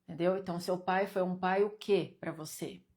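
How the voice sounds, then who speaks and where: A woman's voice: on the low side, fairly even intonation, normal speed, a little mellow. Teasing, direct Brazilian woman host. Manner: direct, teasing, repeats and presses viewers. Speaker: live stream host guiding an exercise. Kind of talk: live stream teaching, reading viewer comments aloud.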